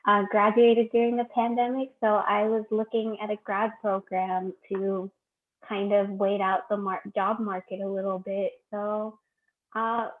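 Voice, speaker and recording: A woman's voice: mid-range voice, little pitch movement, a little slow. A young woman, a graduate student, gives a chatty, upbeat self-introduction on a video call. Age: young adult. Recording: tinny phone-like video call.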